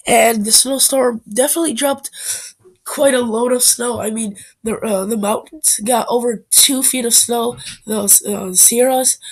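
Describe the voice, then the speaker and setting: A woman's voice: a little high, fairly even intonation, a little slow, breathy edge, low-quality recording. A woman with a stuffed-up, nasal voice from a bad cold, informally narrating an amateur weather forecast video.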